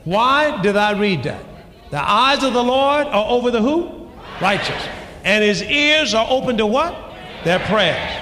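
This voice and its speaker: Preacher guy, high voice swinging all over, slow drawn-out delivery, big echoey hall. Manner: calls out to the congregation, shouting emphasis. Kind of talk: sermon. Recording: long hall reverb, faint ambience.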